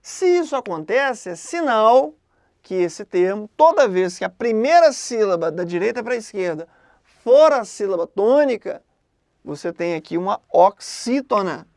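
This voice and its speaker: A woman's voice: medium pitch, expressive, moderate pace, darkish tone, no echo. Woman teaching, chatty and dry. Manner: conversational, checks in with tag questions. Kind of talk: exam-prep grammar lesson.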